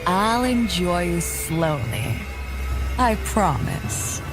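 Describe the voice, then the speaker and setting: A raspy, hushed old crone with a sweetly menacing tone in an animated horror short. Her voice sits low for a woman and breathes out each line like a threat. Music runs underneath. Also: drawn-out words, full character voice. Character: sinister old woman, flesh-eating ghoul. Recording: animation audio with background music.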